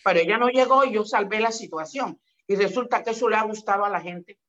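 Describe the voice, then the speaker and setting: A woman's voice: medium pitch, fast talker, lo-fi sound. A woman from Palenque, Colombia, telling stories in a casual interview as a dance group director, calling the listener "mijo" and "mi amor". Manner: warm affectionate storytelling, says "mijo" and "mi amor". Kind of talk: casual interview talk with sung excerpts.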